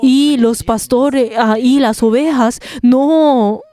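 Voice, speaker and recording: Halting woman interpreting a sermon. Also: sits high, mellow. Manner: halting, with many pauses and restarts.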